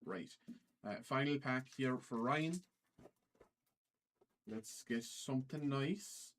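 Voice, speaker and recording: In an affected Irish accent, a man with a medium, somewhat bright voice gives casual commentary on a trading card livestream. He names the cards in a stop-start way and keeps repeating his phrases.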